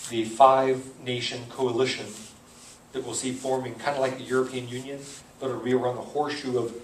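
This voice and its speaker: This rough recording has a roomy, distant sound with a little hiss or hum. On it, a man with a mid-range voice teaches the Bible verse by verse as a pastor, chatting casually, thinking out loud, and pausing to sort out and correct names.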